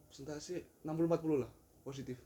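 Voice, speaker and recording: A man's voice: on the high side, steady tone, very fast, dark tone, slight background noise. A young man, joking and laughing often in a casual podcast chat.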